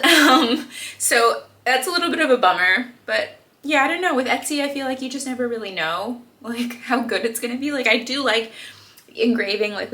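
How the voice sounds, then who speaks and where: A woman's voice: on the high side, bright, forceful tone, reverberant. A young woman, chatting casually to camera at home with lots of "like"s and "um"s, often giggling. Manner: chatty, giggly, rambling with many "like"s and "um"s. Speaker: vlogger. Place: home kitchen.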